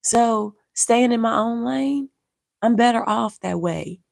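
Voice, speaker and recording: A woman's voice: on the high side, slow, vocal fry, a little mellow, no room sound, clean studio sound. A woman who is losing her voice and feeling unwell speaks on a home livestream, scolding her viewers bluntly and with profanity while keeping her voice down. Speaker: social media artist and streamer. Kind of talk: live-stream rant to viewers.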